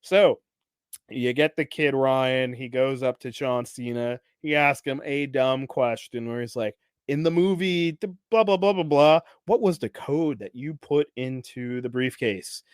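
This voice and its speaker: His voice a little slow, clear and resonant, a young man hosts a podcast recapping TV episodes casually. He laughs often and animatedly acts out characters' lines with jumps in pitch and loudness. The recording is dry, with studio quality.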